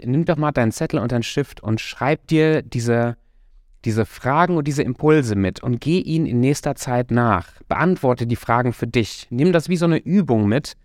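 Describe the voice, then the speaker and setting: A man's voice: medium pitch, darkish tone, no room sound, studio quality. A man giving a motivational talk as a coach, speaking directly and encouragingly to the listener and stretching his key words.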